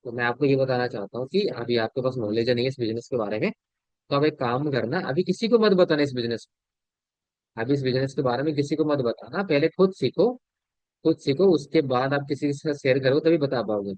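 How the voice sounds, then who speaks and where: Coaching his sales team informally, a trainer talks briskly at medium pitch, restating his points and asking again and again if they follow. He varies how loud and fast he speaks to make demonstrations, captured on dry, dull, lo-fi audio.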